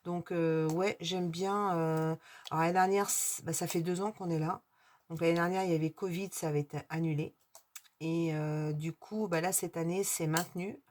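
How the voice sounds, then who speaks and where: A woman's voice: on the low side, fairly even intonation, normal speed, darkish tone, a little hiss or hum. A middle-aged woman vlogging casually to her viewers, hesitant, with many fillers and restarts. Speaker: YouTuber answering a tag.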